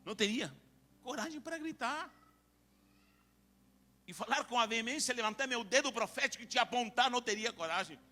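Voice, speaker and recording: A preacher with a strikingly high, bright and sharp voice. He swings between fervent shouting and quieter, hushed stretches, hammering his points home by repeating phrases again and again. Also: fast, few pauses. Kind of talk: Pentecostal-style preaching.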